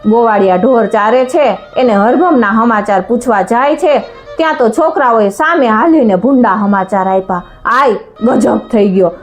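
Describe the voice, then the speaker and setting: Brief: woman folk-tale narrator, dramatic and expressive, a little high-pitched, faint music underneath. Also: normal speed. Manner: dramatic, expressive storytelling with rhetorical questions.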